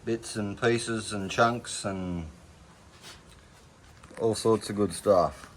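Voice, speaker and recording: A man's voice: fairly low pitch, steady tone, very slow, a little hiss or hum. A man with a broad Australian accent giving laconic, slangy, off-the-cuff commentary in a casual workshop vlog. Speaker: hobby car restorer presenting progress videos.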